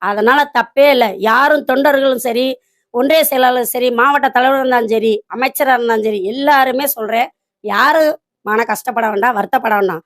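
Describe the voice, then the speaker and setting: Woman, local party organiser, high voice, dry close sound, fires off rhetorical questions. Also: no echo. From Virudhunagar district, Tamil Nadu. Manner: scolding, rapid rhetorical questions. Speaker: local party women's wing secretary. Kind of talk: political message to party supporters.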